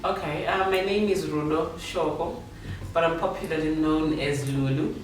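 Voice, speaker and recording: A woman introducing herself in a relaxed, chatty way. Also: deep voice, moderate pace. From Zimbabwe. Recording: very echoey, distant mic with music.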